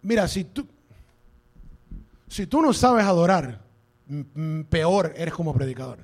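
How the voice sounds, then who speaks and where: A male pastor delivers an emphatic sermon to his congregation in church. His voice sits high, and he slips English phrases into his preaching. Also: sing-song, measured pace, darkish tone.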